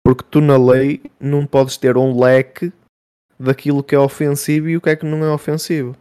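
A man's voice: medium pitch, level tone, brisk, mellow, clean tone, dry recording. A man with a European Portuguese accent arguing his points in casual, colloquial conversation.

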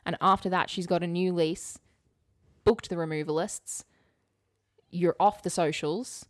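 A young woman co-host speaks at a measured pace in a fairly low voice with fairly even intonation, chatting casually and telling stories on a podcast. She's candid and wry and repeats things for emphasis. Clean studio sound, no echo.

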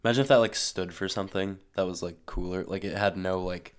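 A man's voice: low-pitched, fairly even intonation, brisk, clean tone. A young man in casual banter, slangy and self-deprecating, often saying like and bro. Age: young adult.

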